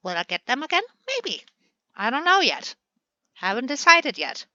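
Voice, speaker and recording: A woman's voice: high-pitched, sing-song, normal speed, sharp tone, no echo, lo-fi sound. A woman hosting a gaming channel, chatting through a building session in a playful way and talking to the game pieces as she works.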